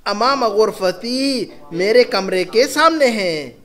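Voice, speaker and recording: A man teaching an Arabic class with an Urdu accent, slowly repeating each phrase and checking that students understand. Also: high-pitched, animated, a bit bright. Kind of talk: classroom lesson.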